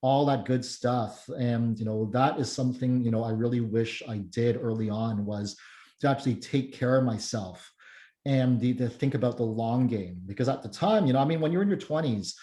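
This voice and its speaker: A man's voice: mid-range voice, moderate pace, warm tone. A man in his thirties chatting casually as a podcast guest, rambling with many restarts and fillers. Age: 30s. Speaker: strength coach and guest. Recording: roomy echo.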